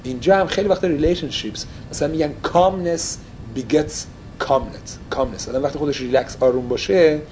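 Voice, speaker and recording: A man's voice: a little high, a little mellow, a little hiss or hum, rough recording. A man teaching an informal Torah study class, mixing Persian with English and explaining phrases as he goes.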